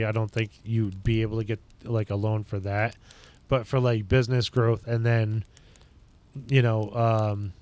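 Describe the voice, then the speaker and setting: Guy streaming from home, chatting w viewers, kinda rambles, smooth clear voice. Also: medium pitch, no room sound. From upstate New York. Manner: thinks aloud in loose rambling sentences. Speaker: livestream host. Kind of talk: casual chat with viewers.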